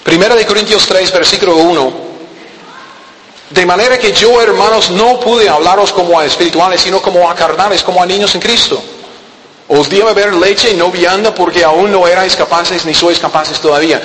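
A man's voice: sits high, fairly quick, a bit bright, reverberant, in a large hall, poor audio. A man with a Costa Rican accent preaching a sermon, emphatic and repetitive, with rhetorical questions. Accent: Costa Rican Spanish. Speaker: pastor.

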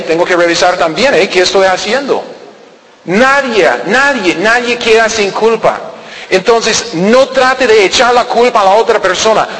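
A man with a high voice preaches a sermon. He leans on rhetorical questions that he answers himself and repeats key phrases to drive them home. His voice rings out with a long hall reverb. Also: fairly bright tone. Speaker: pastor.

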